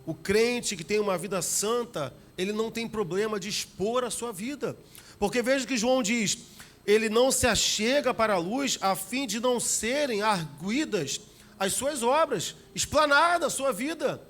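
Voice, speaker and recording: Brazilian pastor, middle-aged man, high voice, bright tone, lively sermon. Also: moderate pace. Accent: Brazilian Portuguese, Rio de Janeiro. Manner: animated preaching, acts out family scenes.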